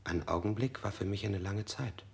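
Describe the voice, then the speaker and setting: In a radio drama, an actor plays a frightened, confused man under interrogation who keeps correcting himself and sometimes falls to a whisper. His voice is lowish with vocal fry at a normal speed, over slight background noise.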